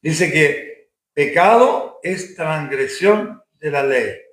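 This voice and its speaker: Male preacher, emphatic and questioning, high voice, echoey church room. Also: animated, extremely slow. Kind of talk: Sunday school sermon.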